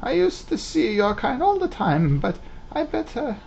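A man's voice: very high-pitched, sing-song, a little slow, gravelly, darkish tone, highs cut off, a little hiss or hum, voice pushed up, full character voice. A man voicing a fussy old shopkeeper lady who hoots like an owl. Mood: prim. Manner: prim, hooting.

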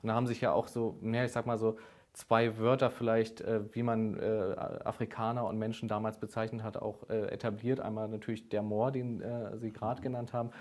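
A man's voice: lowish voice, little pitch movement, fairly quick, darkish tone. A young man interviewing a professor, asking long questions with hesitant phrasing and many filler sounds.

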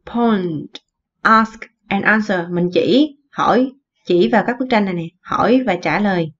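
A woman teaching an English lesson, explaining words in Vietnamese and slowly repeating the English phrases. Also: medium pitch, lo-fi sound. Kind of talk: recorded online lesson explaining vocabulary.

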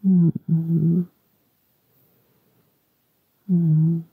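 A drowsy man murmurs and whispers affectionately in an ASMR boyfriend roleplay. His voice is heavily breathy and full of gravelly fry. The sound is tinny and phone-like but dry and close. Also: fairly high pitch, monotone, extremely slow, no echo.

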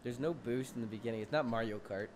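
A man's voice: medium pitch, quick pace, background noise. A young man playing a racing game with friends, teasing them and swearing freely. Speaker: co-player. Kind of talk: casual gameplay banter.

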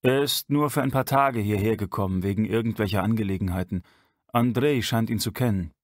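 A man voicing a worried, suspicious older man who speaks gruffly and broods in an audiobook. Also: lowish voice, fairly quick, no room sound, clean studio sound, close to an everyday voice. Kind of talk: audiobook character voice.

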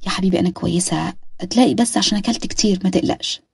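A woman with an Egyptian accent voicing a caring young woman who gently comforts her friend. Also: on the low side, very fast, creaky, husky, no echo, clean studio sound, full character voice. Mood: reassuring. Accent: Egyptian Arabic.

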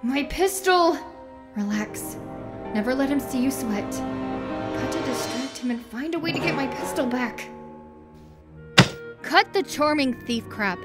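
A woman's voice: high voice, lively intonation, measured pace, long pauses, loud music behind the voice. A woman voicing a stern, hot-tempered fox police inspector in a comic fan dub, scolding and indignant.

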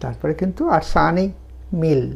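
A woman teaching French numbers, counting them out slowly one by one and explaining pronunciation step by step. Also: low voice, vocal fry, dark tone, husky, highs cut off. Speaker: language teacher. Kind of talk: slow, deliberate language lesson.

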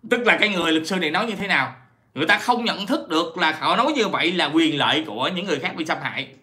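Talking very fast, a man with a slightly high, expressive and sharp voice delivers a rambling YouTube commentary to his viewers. It's a casual monologue packed with fillers, self-corrections and rhetorical questions.

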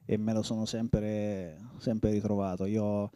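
Dark-voiced man reminiscing, halting. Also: fairly low pitch, level tone, no room sound, dull audio. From Italy. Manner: reflective, halting, often restarts phrases. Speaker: former footballer. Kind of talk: reminiscing interview.

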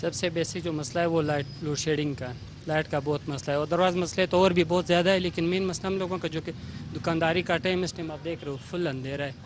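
A man, a shopkeeper answering calmly and even-handedly, mixing in English words. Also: on the high side, fast, noisy background. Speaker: shopkeeper interviewed. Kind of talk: vox pop interview.

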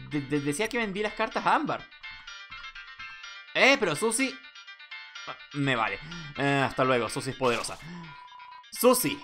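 A woman's voice: low voice, sharp tone. A woman giving casual let's play commentary, thinking aloud as she goes. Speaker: gamer and amateur dubber. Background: game music.

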